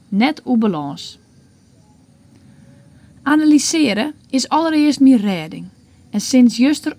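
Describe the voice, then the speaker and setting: A woman with a Frisian accent reading her own blog aloud in a reflective, measured way. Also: a little high, a little mellow. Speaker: blogger.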